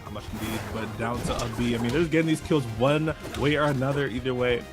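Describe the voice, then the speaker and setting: A man co-commentating a competitive fighting game match in a casual tone, quick to react with exclamations. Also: medium pitch. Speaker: esports co-commentator. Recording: game music behind the voice. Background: game music.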